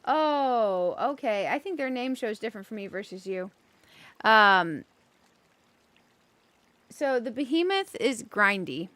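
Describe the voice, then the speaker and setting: A woman's voice: a little high, animated, takes it slowly, long pauses, a bit bright, dry recording. A woman streaming a cozy game, chatting casually with viewers and thinking aloud as she decorates, with giggly bursts. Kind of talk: casual gameplay commentary.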